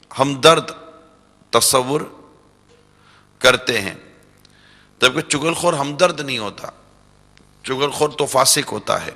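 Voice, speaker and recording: Bright, gravelly-voiced male preacher in reverberant hall. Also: mid-range voice. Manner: addresses listeners directly with rhetorical questions and repetition. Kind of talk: religious lecture. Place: large religious center hall, live broadcast.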